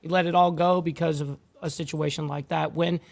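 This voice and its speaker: A man's voice: a little high, flat delivery, brisk, vocal fry, darkish tone. A man in a podcast conversation, blunt and casual, who swears freely.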